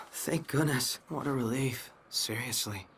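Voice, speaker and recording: A man's voice: medium pitch, takes it slowly, a bit bright, slight background noise. A man playing an awkward, sincere teenage boy in an anime dub, jittery and hesitant. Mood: relieved. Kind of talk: English anime film dub.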